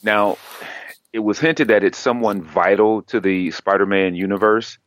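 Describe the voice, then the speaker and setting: A man's voice: fairly low pitch, moderate pace, a bit bright, no room sound. A man co-hosting a casual comics news podcast, rambling and correcting himself as he talks. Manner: rambling, self-correcting, laughs easily. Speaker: podcast co-host.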